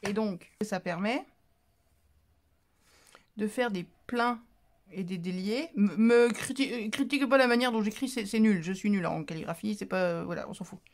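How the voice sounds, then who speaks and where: A woman's voice: medium pitch, moderate pace, darkish tone. A woman chatting casually in a craft haul vlog, rambling with fillers and making fun of herself. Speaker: craft vlogger.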